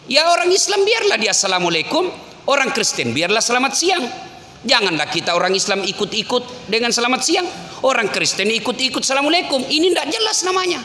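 A man's voice: sits high, sharp tone. A male preacher giving a humorous sermon, telling stories with acted dialogue and teasing asides to the congregation. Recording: echoey hall, faint ambient noise.

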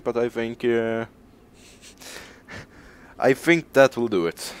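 A man from Sweden giving casual live-stream commentary while he plays a game, rambling, joking at his own expense and swearing casually. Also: medium pitch. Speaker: gaming streamer.

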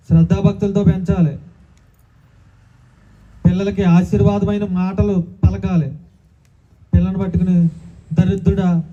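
A man preaching a sermon as pastor, calling out hallelujah often and asking the congregation questions. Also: sits high. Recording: tinny phone-like sound.

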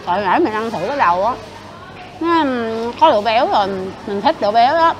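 A woman's voice: fairly high pitch, expressive, brisk, highs cut off, a little hiss or hum. A woman reviewing food in a casual vlog, chewing while she talks as she tastes each bite. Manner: chatty, tasting and describing food. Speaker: mukbang vlogger.

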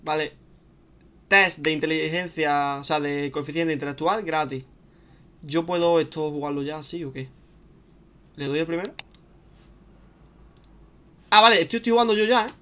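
A young man with a Spain Spanish accent, chatting casually and swearing as he plays a video game, turning panicky and loud when scared. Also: a little high, moderate pace, long pauses. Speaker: gaming streamer. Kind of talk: casual let's-play commentary.

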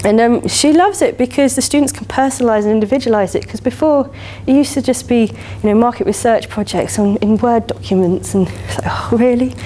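An English woman in her thirties giving an upbeat, chatty keynote from a lecture hall stage. Her voice is mellow and warm, and she talks with lively enthusiasm, leaning on casual fillers. The room mic catches her from a short distance, with a faint hiss underneath. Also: a little high, brisk, few pauses. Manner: enthusiastic, chatty, many "you know" fillers. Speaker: keynote speaker. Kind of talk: conference keynote talk. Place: lecture hall, standing by a lectern.

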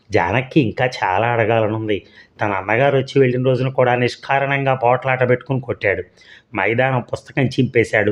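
A man narrating a serialized story in a steady, measured reading. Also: medium pitch. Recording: dull lo-fi recording.

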